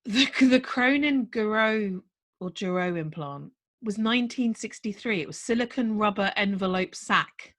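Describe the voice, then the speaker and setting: A woman's voice: medium pitch, unhurried, fairly bright tone. Woman in casual podcast banter. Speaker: podcast co-host.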